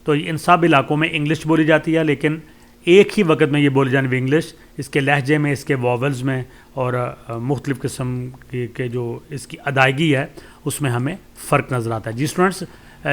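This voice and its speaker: A man with a Pakistani accent teaching a lesson. He reads English lines slowly, then explains them at length with many hesitations. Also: mid-range voice, steady tone. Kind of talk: lecture explaining a course text.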